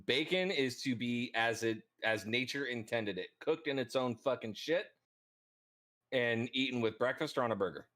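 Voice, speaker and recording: A man's voice: mid-range voice, normal speed, fairly bright tone. A young man talking casually in a podcast chat, laid-back and profane, with lots of ums and rambling asides.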